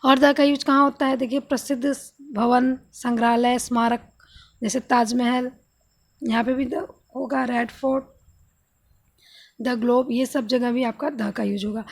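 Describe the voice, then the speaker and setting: A woman's voice: a little high, fairly even intonation, a little slow. A woman teacher patiently explaining a grammar lesson, often asking her students questions and answering them herself.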